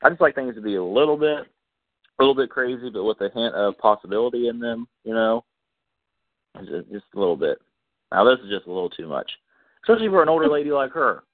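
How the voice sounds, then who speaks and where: A man co-hosting a casual podcast chat about soap operas, opinionated and quick to laugh. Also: mid-range voice, expressive, dry recording. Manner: chatty, opinionated, laughs often. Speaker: podcast co-host. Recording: tinny phone-like line, dry.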